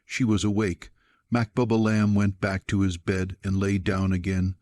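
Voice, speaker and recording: Low-voiced male story narrator. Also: flat delivery, normal speed, darkish tone. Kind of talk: scripted narration.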